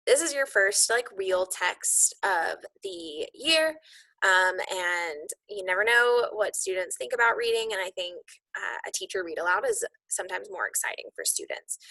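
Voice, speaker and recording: This woman, a teacher coach, walks colleagues through lesson plans in an informal, conversational way. Her mid-range voice is gravelly, pushed and bright. The low-quality recording has no room sound.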